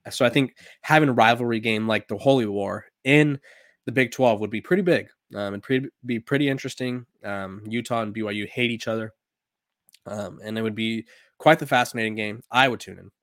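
A man's voice: on the low side, brisk, fairly bright tone, no room sound, studio quality. A young man in his twenties hosting a sports podcast, talking casually with lots of fillers and restarts. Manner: rambling, filler-heavy, many "um"s and restarts. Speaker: podcast host.

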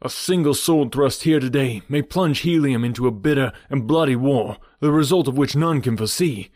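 A man reading the part of a noble hero who loudly commands a crowd to hold. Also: mid-range voice, normal speed, no echo, studio quality, voice pushed up, close to an everyday voice. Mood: commanding. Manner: loud, commanding oration. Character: noble adult male hero making a stern plea to a crowd.

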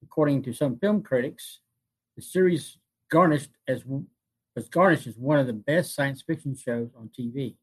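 A man in his fifties hosting a retrospective, narrating from notes in a halting way and often repeating phrases. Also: mid-range voice, husky, poor audio. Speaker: host. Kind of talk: semi-scripted narration of TV show retrospective.

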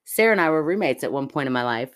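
A woman's voice: rumbling low, animated, very fast, no room sound, studio quality. A woman in her forties co-hosting a podcast, chatting casually, laughing often and reading listener messages aloud. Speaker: podcast co-host.

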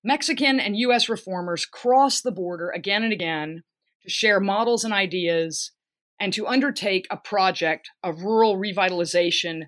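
A woman's voice: mid-range voice, fairly bright tone. A woman hosting a book interview, reading a prepared introduction and then asking long questions full of fillers. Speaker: podcast interviewer.

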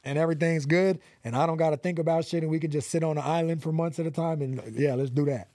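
Brief: mid-twenties male rapper from LA, warm mellow tone, dry close mic, slangy and earnest. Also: on the high side, steady tone, quick pace, no echo. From Los Angeles. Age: 20s. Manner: slangy, repeats fillers, earnest. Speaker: rapper guest. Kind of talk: casual interview.

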